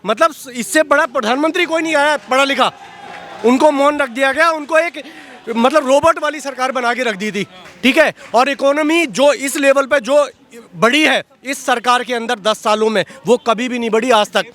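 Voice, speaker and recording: High-voiced man rebutting firmly. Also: normal speed, a bit bright. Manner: argumentative, corrects himself. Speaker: passer-by interviewee. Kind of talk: street interview rebuttal.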